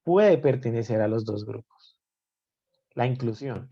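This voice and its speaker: A man's voice: mid-range voice, animated, a little slow, breathy edge, dull audio. Man teaching a live online class. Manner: explanatory, checks in with students often. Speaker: math teacher.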